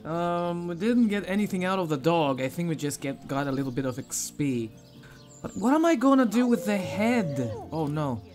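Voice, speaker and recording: A man hosting a casual video game playthrough, reacting and thinking out loud as he goes. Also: high voice, animated, moderate pace. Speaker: gaming video host. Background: game music.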